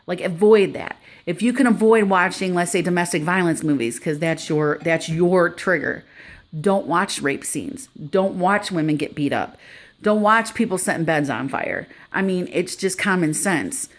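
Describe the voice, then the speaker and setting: Earnest middle-aged woman, lowish voice. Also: moderate pace. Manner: earnest, conversational, frequent "like". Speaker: vlogger sharing personal experience. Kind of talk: casual talk to camera.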